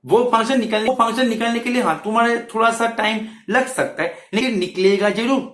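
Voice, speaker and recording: A man's voice: very high voice, a little fast, a bit bright. A man teaching maths for an exam, who keeps checking in with his students and repeats his phrases as he explains. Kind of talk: exam-prep lecture. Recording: roomy, echoey sound.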